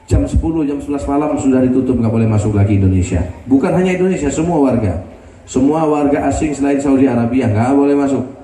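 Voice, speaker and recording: A male preacher giving an animated sermon, acting out the people in his stories. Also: mid-range voice, fast talker, slight background noise. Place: religious gathering. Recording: roomy sound from a distant mic.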